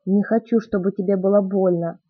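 Moody teen vampire guy, soft and insistent, husky lady reader's voice, tinny phone-like sound. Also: medium pitch, steady tone, a little fast, natural voice. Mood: anguished. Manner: muffled, insistent, softly spoken. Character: brooding young male vampire, quiet and anxious.

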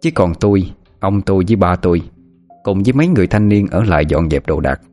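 A man telling a spooky village story in the first person, his voice low and even. The delivery is measured and scripted, with faint music underneath. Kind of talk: scripted horror narration.

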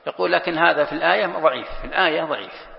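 A man's voice: on the high side, rapid-fire, vocal fry. A man teaching Quran exegesis to a class, explaining a text line by line, stretching out quoted passages for emphasis and putting questions to his students. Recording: muffled lo-fi recording in a reverberant hall.

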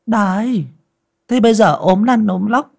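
A man's voice: a little slow, gravelly, a little mellow, heavily acted. A man voicing a sarcastic, nagging middle-aged village wife. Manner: scolding, sarcastic, shrill.

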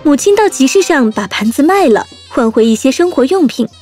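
Woman, children's story narrator, expressive, high voice, very lively intonation, music underneath. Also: brisk.

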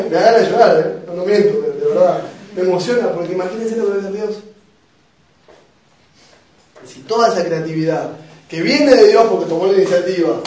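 Here the young Rioplatense-accented preacher sounds high-pitched and a little mellow as he speaks to young people. He jokes, shares moving stories from his life and asks the crowd questions. A distant mic, a very echoey space and slight background noise shape the recording.

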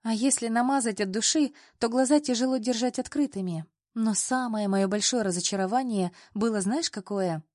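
A woman reading the part of a flustered, clumsy young female assistant in an audiobook, excitable and embarrassed. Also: fairly high pitch, no room sound, clean studio sound, lightly acted. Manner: excitable, embarrassed, quick to protest.

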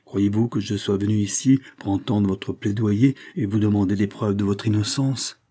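A man's voice: lowish voice, steady tone, moderate pace, mellow, close to an everyday voice. A man reading aloud, voicing a betrayed proud woman who speaks with icy disdain. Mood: scornful.

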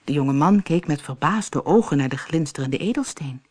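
A woman reading a fairy tale aloud for an audiobook in a calm, clear storytelling manner. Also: low voice, moderate pace. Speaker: narrator. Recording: faint music behind the voice.

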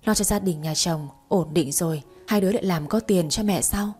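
Female narrator plays gentle elderly mother, warm husky voice. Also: on the low side, moderate pace, soft background music. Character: older mother, gentle and caring.

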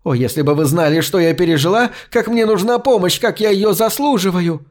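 A man voicing a pushy, self-pitying bony old woman in a shrill, screeching voice for an audiobook. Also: expressive, a little fast, darkish tone. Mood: shrieking plea. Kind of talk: audiobook narration.

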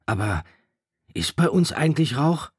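A man's voice: a little high, big pitch swings, a little slow, slightly rough, dry recording, clean studio sound, pitched above the performer's own voice, full character voice. A man voicing an anxious, short-sighted boy who asks worried, pleading questions.

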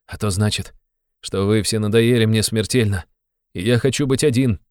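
A man's voice: on the low side, moderate pace, a little mellow, smooth, dry recording, studio quality, voice pushed up, close to an everyday voice. A man voicing a sick, irritable young man who speaks with cold, strained bitterness. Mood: bitter weary.

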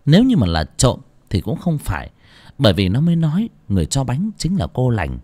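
Expressive, husky male story narrator. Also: medium pitch, brisk, dry recording. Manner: dramatic and expressive. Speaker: audiobook narrator. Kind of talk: scripted horror story narration.

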